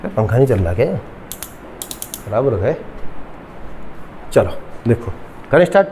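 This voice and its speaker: A middle-aged man teaching a physics class, mixing English terms into his lecture, regularly checking whether students follow, and slowly dictating definitions. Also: mid-range voice, very animated, mellow, big-room sound, slight background noise. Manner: asks students frequent check questions, mixes English terms.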